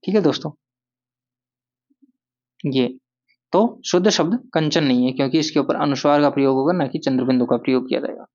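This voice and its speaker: A man's voice: medium pitch, a little fast, long pauses, a little mellow, muffled recording. A male Hindi grammar teacher giving a lesson, who repeats key words and asks and answers his own questions. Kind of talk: classroom-style grammar lesson.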